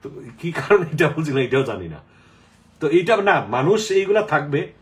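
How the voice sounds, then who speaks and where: A man's voice: fairly high pitch, very animated, normal speed. A middle-aged man from the Sylhet region, chatting casually in a rambling way with many fillers. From Sylhet region, Bangladesh. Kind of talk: casual chat.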